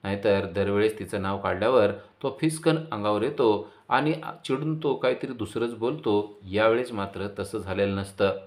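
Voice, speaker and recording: A man's voice: fairly low pitch, normal speed, few pauses. A man narrating a recap of a TV serial episode, retelling scenes and quoting the dialogue. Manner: steady retelling with quoted dialogue.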